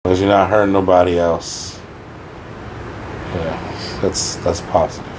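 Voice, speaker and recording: A man with a low voice speaks as a rapper guest on a casual podcast. He talks candidly and sombrely and swears freely. A faint hiss sits under his voice. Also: level tone, unhurried, a little mellow, low-quality recording.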